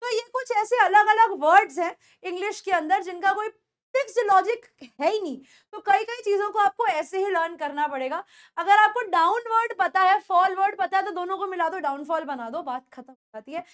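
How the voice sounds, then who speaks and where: A woman with an Indian accent teaching spoken English pronunciation, repeating words slowly and quizzing her students. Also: very high voice. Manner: drills words by repeating them slowly, asks the class questions.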